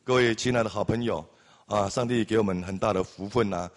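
Guy preaching in a church, fired up, keeps shouting amen. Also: on the low side, fairly quick. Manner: impassioned, building to loud exclamations with repeated amens. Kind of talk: sermon.

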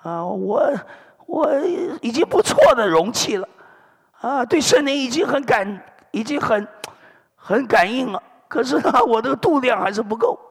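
A man's voice: very high-pitched, a little slow, gravelly, husky. A middle-aged male pastor preaching a sermon, telling stories with lots of energy and dropping in hallelujahs and amens. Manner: animated storytelling preacher, sprinkling hallelujahs and amens. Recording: long hall reverb.

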